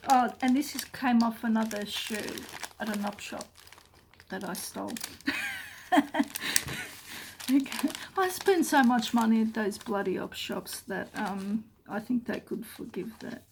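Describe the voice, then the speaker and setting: A woman talks slowly and casually through her craft pages, rambling and sometimes dropping to a murmur. Her voice sits a little high with a gravelly fry. Clear background noise and paper crinkling are heard under her. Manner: chatty, rambling, often trails into soft murmurs. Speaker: craft vlogger. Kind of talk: casual show-and-tell. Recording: noisy room with paper crinkling.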